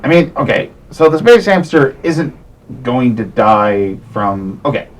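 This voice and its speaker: Animated man thinking aloud at game night. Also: mid-range voice, a little slow. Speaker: tabletop game player. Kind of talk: casual chat during a tabletop game.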